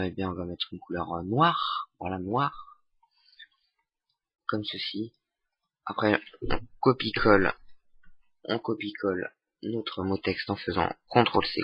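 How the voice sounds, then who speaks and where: Young man, lowish husky voice, halting casual tutorial, dull dry home mic. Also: no echo. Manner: hesitant, many fillers and restarts, self-mocking. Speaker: software tutorial maker. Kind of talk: casual screen-recorded tutorial.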